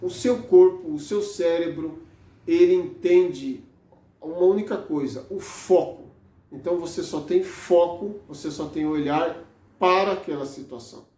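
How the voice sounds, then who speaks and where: A man's voice: on the high side, a little slow, mellow. A man, a therapist talking casually to camera, explaining step by step with frequent tag questions. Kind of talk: educational talk to camera. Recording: echoey room.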